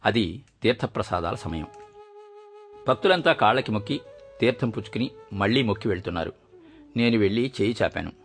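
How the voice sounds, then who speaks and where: A man reading a short story aloud as narrator, telling it in a measured, expressive way. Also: lowish voice, soft background music.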